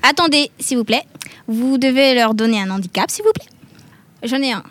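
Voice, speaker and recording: A woman hosting a radio game show, lively and quick to laugh. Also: on the high side, no echo. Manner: lively, laughing often, scoring and hurrying players. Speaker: game host.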